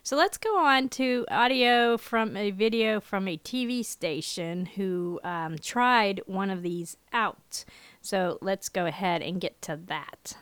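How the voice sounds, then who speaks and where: A woman's voice: mid-range voice, takes it slowly, fairly bright tone, clear, resonant tone, no echo. A woman hosting a show in casual, unscripted chat, hesitant and meandering as she goes. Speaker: show host.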